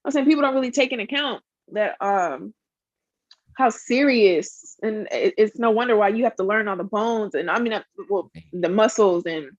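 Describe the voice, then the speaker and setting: A woman in casual podcast chat, earnest and a bit halting as she makes her point. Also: mid-range voice, no echo, highs cut off.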